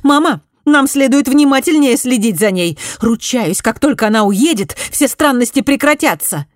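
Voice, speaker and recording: A woman reading an audiobook, voicing a spoiled, accusing pregnant young noblewoman in a high, loud voice. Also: animated, normal speed, dry recording, clean studio sound. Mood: scheming.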